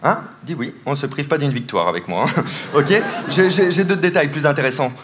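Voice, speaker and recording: Male stage mentalist, high-ish voice, teasing and jokey, recorded live with audience noise behind. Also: expressive, brisk. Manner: playful, teasing, laughs often while talking. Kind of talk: live stand-up mentalism show. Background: audience laughter and applause.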